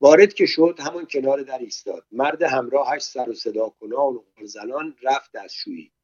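A man narrating a story aloud in a calm, measured way. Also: mid-range voice, dry recording, highs cut off.

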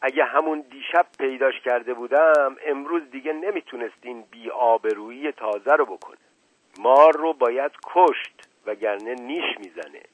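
Man voicing an older patriarch, imperious, indignant, husky, tinny dry phone-like sound. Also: medium pitch, dry recording, voice pushed up, lightly acted. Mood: outraged. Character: commanding older male family patriarch.

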